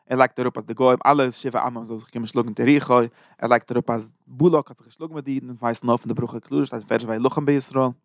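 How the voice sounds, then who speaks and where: Fast-talking man teaching. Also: mid-range voice, fairly even intonation, dry recording, studio quality. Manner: rapid, run-on explaining with Hebrew terms. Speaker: Torah teacher. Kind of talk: chapter lesson in Yiddish-flavored German.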